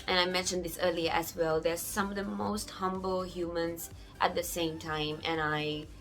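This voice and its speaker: A young woman from Sri Lanka, a singer-songwriter, speaking casually to camera in a warm, grateful way. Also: fairly low pitch, fairly even intonation, normal speed, faint music behind. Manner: warm, grateful, often laughing softly.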